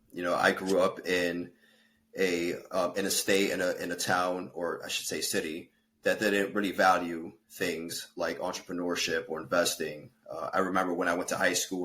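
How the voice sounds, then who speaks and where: Appearing as a guest on a relaxed podcast, a fitness and life coach in his thirties, Peruvian-born and American-raised, speaks sincerely about his life, with fillers and self-corrections. He has a low, slightly bright voice, and there's a little background noise.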